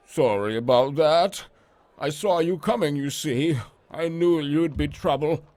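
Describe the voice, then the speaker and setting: A man's voice: fairly high pitch, a little slow, a little mellow, natural voice. A man voicing a squat, ugly, fearful fortune-teller creature in a game, hesitant and evasive, repeating himself plaintively. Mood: sly, apologetic. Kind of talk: game character dialogue read aloud.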